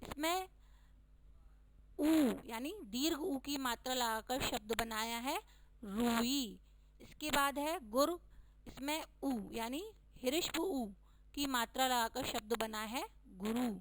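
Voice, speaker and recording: A woman teacher giving a recorded lesson to young children, speaking slowly and stressing each vowel sign with care. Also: high voice, fairly bright tone, a little hiss or hum, rough recording. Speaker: schoolteacher.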